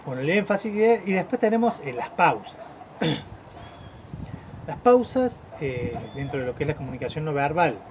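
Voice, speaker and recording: A man's voice: fairly high pitch, very animated, moderate pace. A man giving a casual spoken lesson on voice and speech, talking with many fillers and restarts. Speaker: voice and speech teacher. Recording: dull lo-fi sound with clear noise.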